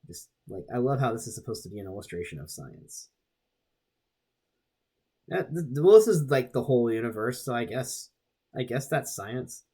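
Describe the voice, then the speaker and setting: A young man casually reading a web page aloud and reacting, rambling with restarts and sudden jumps in pitch.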